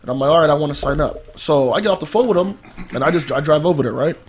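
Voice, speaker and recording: A man telling a story casually in an animated way, acting out dialogue with slang and swearing. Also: on the high side, quick pace. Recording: noisy podcast mic with background ambience.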